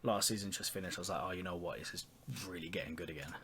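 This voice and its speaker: A podcast host chats about anime on a casual show, teasing, swearing, and full of slang. His low, slightly bright voice races along with fairly even intonation, and there's noticeable background noise.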